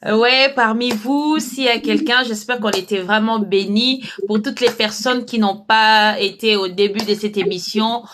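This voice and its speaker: A woman's voice: on the high side, fairly even intonation, a little slow, hardly any pauses, fairly bright tone. Female live-show host with background noise. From lives in Belgium. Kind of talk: informal live hosting.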